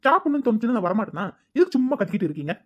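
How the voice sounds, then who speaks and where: On a dull lo-fi recording, a voice actor portrays a moody, lovesick young man in a cartoon, sounding sullen and snappish. The medium-pitched delivery is very animated and races along.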